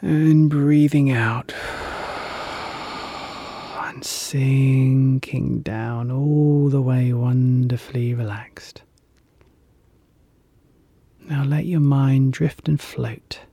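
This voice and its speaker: A relaxation guide leading a guided hypnosis session in a soft, soothing whisper, repeating gentle calming phrases. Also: mid-range voice, very slow, long pauses, a little hiss or hum.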